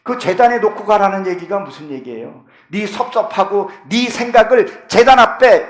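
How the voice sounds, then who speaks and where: A middle-aged male pastor delivers a fervent sermon in a church sanctuary. His voice sits high for a man and has a gravelly edge. The sound carries a roomy, echoing quality. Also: a bit bright. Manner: fervent, rising to impassioned pleading in prayers. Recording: echoey church hall.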